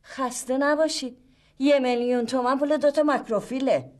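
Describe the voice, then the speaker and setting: An actress playing a tired, sharp-tongued middle-aged mother who scolds and teases her son. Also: high voice, fairly even intonation, close to an everyday voice. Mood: scolding. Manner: scolding and teasing. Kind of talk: sitcom acting.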